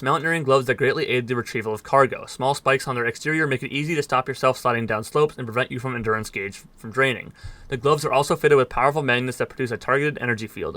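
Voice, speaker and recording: A man races through in-game text, reading it aloud for his viewers. His voice is bright and crisp, recorded close and dry with no room sound. Now and then he trips on a word or drops a dry aside. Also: medium pitch, no echo. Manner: fast, slightly stumbling reading with dry asides. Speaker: gaming let's player.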